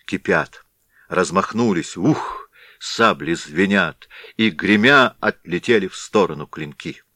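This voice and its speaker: A man narrating a classic tale in a measured, dramatic storytelling manner, recorded in a studio. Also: sits low, animated, bright, forceful tone, dry recording. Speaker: audiobook narrator.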